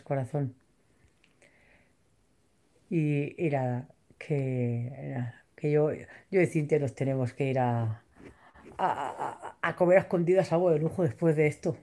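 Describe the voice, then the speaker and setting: Emotional theatrical woman, low voice. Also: dark tone. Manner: theatrical, tearful, laughing and exaggerated. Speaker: vlogger reading live chat. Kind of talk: emotional casual livestream chat.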